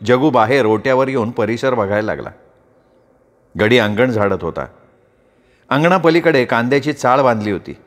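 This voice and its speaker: A man narrating an audiobook in a measured, descriptive storytelling manner. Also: mid-range voice, animated.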